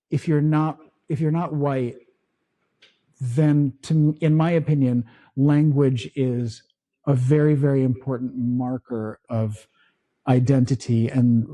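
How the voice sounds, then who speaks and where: Co-hosting a podcast, this Tagalog-speaking man from the Philippines talks in a relaxed, chatty way, though slowly, haltingly, and with frequent restarts. He has a mellow, mid-range voice, captured in a dry recording.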